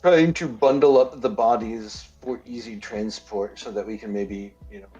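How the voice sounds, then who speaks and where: A man playing in a tabletop game, speaking in character in a measured, polite way. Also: on the low side, dark tone, dull audio, faint music behind. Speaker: player.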